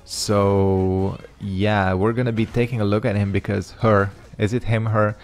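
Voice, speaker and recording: Speaking a little slowly at a fairly low pitch with little variation, a young gaming channel host rambles over his fighting game matches. He is a native Hungarian speaker whose casual commentary is full of fillers and loose slang.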